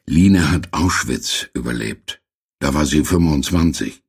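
A man voicing a stern grown woman with a sharp, cutting way of speaking, in an audiobook. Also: rumbling low, expressive, measured pace, slightly rough, full character voice. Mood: grave. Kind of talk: audiobook character voice.

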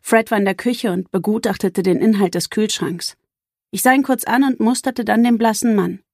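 A woman reading a novel aloud as an audiobook narrator, in a measured, even storytelling manner. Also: medium pitch, no room sound, studio quality. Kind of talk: scripted narration.

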